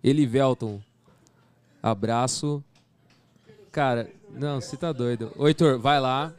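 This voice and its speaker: A man's voice: mid-range voice, slow. A man with a Brazilian accent in casual live-stream banter, slangy and jokey, reading chat comments as co-host. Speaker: livestream co-host.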